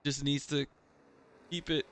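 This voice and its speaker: A man's voice: a little high, flat delivery, a little slow, a bit bright. A man giving live, casual motorsport commentary as a race commentator for an online league.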